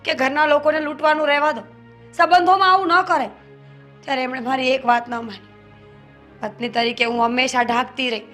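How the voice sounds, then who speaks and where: A loyal young wife caught between her husband and her family. She speaks in a high, earnest voice that keeps pleading. Faint film music plays underneath. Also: sharp tone.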